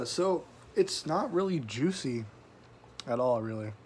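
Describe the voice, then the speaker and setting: A man's voice: a little high, expressive, slow, slightly rough. A man giving a casual, sweary, folksy review to camera, talking with a tobacco pouch tucked in his lip. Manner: casual, profanity-laden, folksy slang. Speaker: product reviewer.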